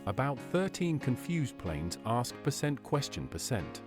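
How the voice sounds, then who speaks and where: A man's voice: medium pitch, sing-song, a little slow, over music. A man voicing a malfunctioning male robot that glitches and spouts garbled error messages and announcements. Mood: glitching. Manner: garbled, nonsensical machine announcements.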